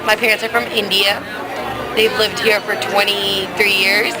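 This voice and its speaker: A woman's voice: medium pitch, flat delivery, normal speed, over a noisy crowd, poor audio. A teenage girl from New Jersey answering interview questions in a matter-of-fact way. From New Jersey, USA.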